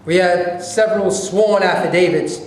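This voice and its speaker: This man's voice sits high and sounds natural, moving at an ordinary pace. He performs a formal, insistent male war-crimes investigator for the government in a staged play reading, pressing firmly. The recording has light noise and lots of echo.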